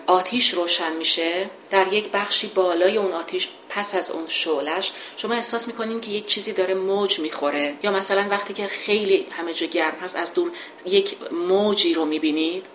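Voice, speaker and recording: Woman reciting old verses, explaining them casually, lowish voice, faint background hiss. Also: fairly bright tone. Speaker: teacher of classical poetry.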